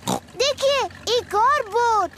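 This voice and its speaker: Brief: cheeky little cartoon piglet girl, very high childlike voice, unhurried, giggly and eager, music behind. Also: animated, noisy background, full character voice. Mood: excited. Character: Peppa, cheeky cheerful little girl pig. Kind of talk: preschool cartoon dub acting. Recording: loud music and effects behind.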